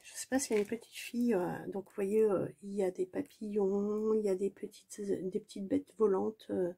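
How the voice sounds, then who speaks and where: This diamond painting vlogger has a medium-pitched, warm voice that's gravelly and slightly rough, delivered steadily at a moderate pace. She chats with viewers while unboxing a craft kit at home, exclaiming often, heavy on fillers, playful and self-mocking.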